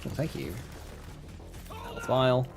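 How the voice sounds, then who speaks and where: A man's voice: medium pitch, sing-song, slow, over music. A man giving casual, chatty live gameplay commentary, talking straight to his viewers. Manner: chatty, addresses viewers directly. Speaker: game streamer.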